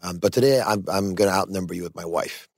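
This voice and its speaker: A man's voice: deep voice, fast, no room sound, studio quality. A man hosting a talk show, earnestly putting questions to his guest.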